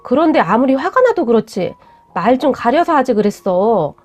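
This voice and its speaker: A woman's voice: fairly high pitch, very animated, normal speed, darkish tone, soft background music. A woman voicing a blunt, defensive young man who scolds his fiancée in a read-aloud story. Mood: dismissive.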